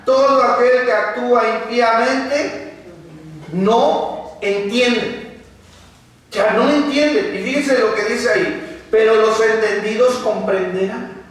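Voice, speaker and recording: Male preacher, sermon, rhetorical questions, high voice, distant mic, echoing hall. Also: fairly bright tone. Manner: asks the congregation rhetorical questions. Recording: echoey hall, mic far off.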